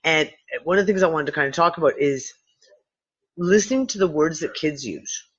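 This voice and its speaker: A host chatting casually on a livestream, rambling and swearing as she tells animated stories. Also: deep voice, normal speed, slightly rough, muffled recording. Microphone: computer mic on a video call.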